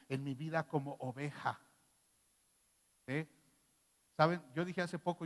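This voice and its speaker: A man with a Mexican accent preaching a sermon as pastor, animated and firing rhetorical questions at the congregation. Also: a little high. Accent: Mexican Spanish. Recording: long reverb in a church hall.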